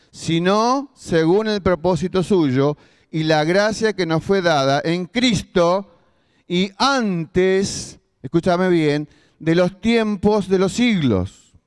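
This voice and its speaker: Rioplatense male pastor, raised pitch, smooth clear voice, deliberate stresses. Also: no echo. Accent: Rioplatense Spanish. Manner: slow emphatic preaching, stressing key words. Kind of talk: sermon.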